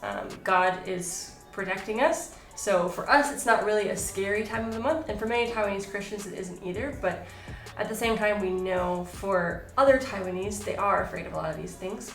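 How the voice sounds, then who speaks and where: A woman's voice: mid-range voice, moderate pace, hardly any pauses, distant mic, faint music behind. A woman co-hosting as a missionary, explaining things earnestly in casual chat and often saying "like". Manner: earnest, filler-heavy with "like". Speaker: missionary co-host. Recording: echoey room, voice a bit off-mic.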